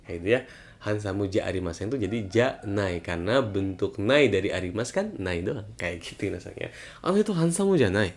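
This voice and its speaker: A man with an Indonesian accent giving a casual, chatty Japanese lesson, his voice jumping higher on the example phrases. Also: brisk. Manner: chatty, keeps repeating the address to viewers; voice jumps higher when voicing example phrases. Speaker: Japanese language teacher.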